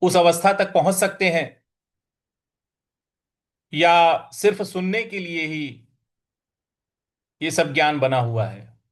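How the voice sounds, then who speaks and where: High-voiced man teaching scripture pronunciation. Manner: chants verses slowly, then explains pronunciation briskly. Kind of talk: recitation and pronunciation lesson.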